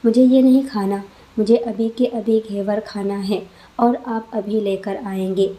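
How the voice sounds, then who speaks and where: A woman's voice: medium pitch, steady tone, a little slow, mellow, close to an everyday voice. A woman voicing a sulky, demanding young wife in a read-aloud story, scolding petulantly. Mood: angry.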